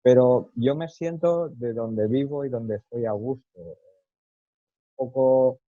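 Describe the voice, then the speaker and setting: A man from Spain with a neutral Castilian accent, speaking as a guest in a relaxed interview, thoughtful and hesitant with many fillers. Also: mid-range voice, slow pace, no echo, narrow, tinny audio. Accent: neutral Castilian Spanish.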